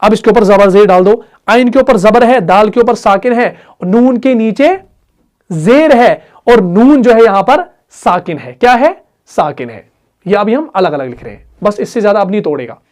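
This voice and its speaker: A man's voice: high voice, expressive, normal speed, a little mellow. A man with a Pakistani Urdu accent leads a recitation lesson. He works through each point step by step. He keeps asking the class short questions and then answers them himself. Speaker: Quran recitation teacher. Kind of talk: classroom explanation.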